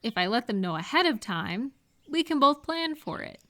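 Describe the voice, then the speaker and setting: A woman with a high-leaning, sharp-toned voice swings widely in pitch while keeping a moderate pace. In a supportive advice roleplay she talks conversationally to one listener, reassuring and explaining.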